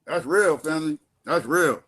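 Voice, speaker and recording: A man's voice: fairly high pitch, moderate pace, fairly bright tone, a little hiss or hum. A man giving angry, profane, sarcastic commentary on a livestream.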